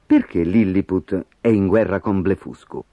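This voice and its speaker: A man voicing a gentle giant man in a storybook, speaking plainly and earnestly. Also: low voice, moderate pace, no echo, dull audio, pitched below the performer's own voice. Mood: calm.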